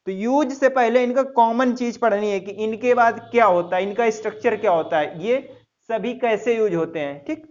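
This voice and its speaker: A man's voice: high-pitched, lo-fi sound. A male English teacher giving a classroom lecture, repeating words and quizzing his students with questions. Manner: recites a couplet slowly.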